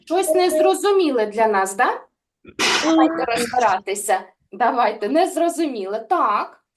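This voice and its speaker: A woman teaching young children in an online lesson over a video call, drawing out sounds slowly and praising pupils warmly by pet names. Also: high voice, animated. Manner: slow, exaggerated articulation of sounds. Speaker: speech development teacher.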